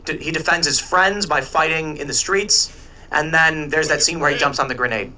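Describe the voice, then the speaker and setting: Very bright, forceful higher-pitched man explaining. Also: moderate pace. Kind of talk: conversational commentary.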